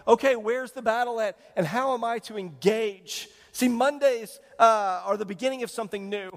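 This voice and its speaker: A man's voice: high-pitched, big-room sound. A male pastor preaching a conversational sermon and asking the congregation questions. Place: church sanctuary.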